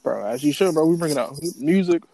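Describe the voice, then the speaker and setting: A man's voice: fairly high pitch, animated, quick pace, creaky, dark tone, no echo. A young American man co-hosting a casual podcast in slangy bro talk, often acting out conversations. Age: young adult. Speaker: podcast co-host.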